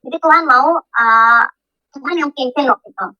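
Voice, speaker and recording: Bright-voiced woman giving emotional testimony. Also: sits high, dry recording, lo-fi sound. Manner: emotional, halting, many fillers and restarts. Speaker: testimony speaker.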